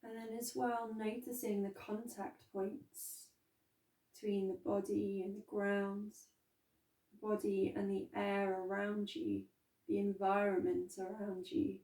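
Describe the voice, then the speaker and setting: Her grounding exercise unfolds very slowly, gentle and calm, with room left between phrases, delivered in a soft, dark-toned voice of medium pitch. The meditation and movement instructor is a little distant from the microphone, in an echoey room.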